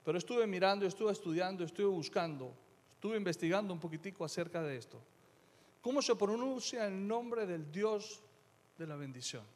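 A middle-aged man preaching a sermon as pastor, emphatic, moving between quiet asides and loud declarations. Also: high-pitched, expressive, moderate pace, in a large hall.

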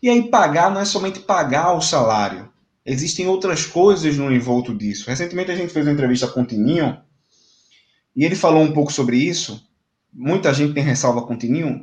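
A man's voice: a little high, roomy sound. A man, talking as a football commentator on a fan debate show, emphatic and indignant, often repeating words.

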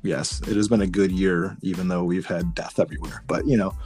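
A man with a low voice and a Midwestern American accent, hosting a casual podcast chat, laughing often and restarting his sentences. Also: fairly even intonation, brisk, darkish tone, soft background music. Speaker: podcast host.

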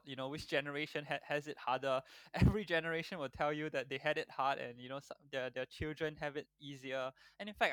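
A man's voice: on the high side, a bit bright, dry recording. A man in his twenties from Singapore, talking thoughtfully as an interview guest with frequent restarts. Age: 20s. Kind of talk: conversational interview.

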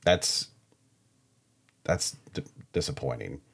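A man's voice: very deep voice, lively intonation, slow, vocal fry, husky. A man in his fifties co-hosting a podcast, chatting casually with a teasing, joking manner and often cutting in. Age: 50s. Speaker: podcast co-host. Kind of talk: casual chat.

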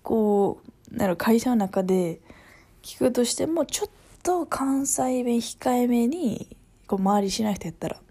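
Husky Kansai woman chatting casually. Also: fairly high pitch, expressive, unhurried. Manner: rambling, often drops to a soft half-whisper. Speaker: vlogger. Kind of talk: casual chat.

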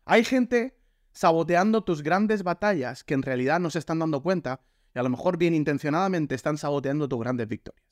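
Lively Spanish man preaching. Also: a little high, brisk, dry recording, studio quality. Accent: Spain. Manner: animated, jokey, acts out quoted voices. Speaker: pastor. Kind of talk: sermon.

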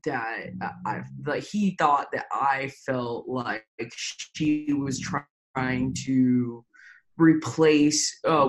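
Speaking in an extremely low-pitched voice over poor audio, a young Tampa, Florida woman gives a candid personal interview as the guest. She hesitates often, leans on fillers, and lets slip the odd swear word.

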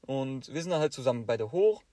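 A man's voice: brisk, no echo. A young man, casually telling a story and acting out the people in it. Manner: animated, acts out quoted teachers with louder higher bursts. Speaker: podcast co-host.

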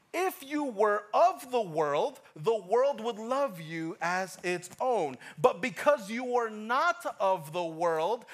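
Male pastor in his thirties, high-pitched, lively emphatic sermon delivery with repetition. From Ecuador. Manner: animated preaching, swings from hushed to loud, repeats lines for emphasis.

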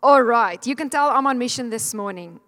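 A woman's voice: on the high side, expressive, fairly quick, fairly bright tone. A middle-aged woman, preaching a fervent sermon and urging the congregation to answer back. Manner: fervent, exhorting, leads the congregation in call and response. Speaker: pastor. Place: church sanctuary. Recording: long hall reverb.

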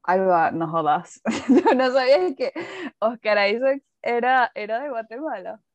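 A woman's voice: fairly high pitch, lively intonation, measured pace, no room sound. A woman in casual podcast chat, exclamatory and often trailing off while she hunts for words. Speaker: podcast co-host. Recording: dull, dry lo-fi sound.

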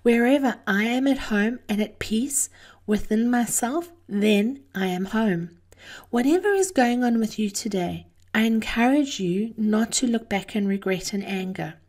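A middle-aged woman with a South African accent delivers a scripted motivational monologue in an earnest, deliberate, personal storytelling manner. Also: fairly high pitch, expressive, darkish tone. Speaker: host of an encouragement podcast.

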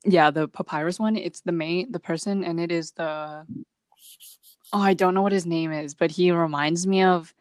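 A woman's voice: on the low side, steady tone, moderate pace, no room sound, studio quality. A young woman co-hosting a casual podcast chat, giggling often and rambling with lots of fillers. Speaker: podcast co-host.

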